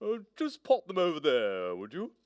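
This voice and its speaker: A man's voice: a little high, wildly swooping pitch, moderate pace, no echo, studio quality, voice pushed up. A man voicing a stern, officious llama receptionist who sticks to the rules, with a clipped, bossy manner at a live reading event.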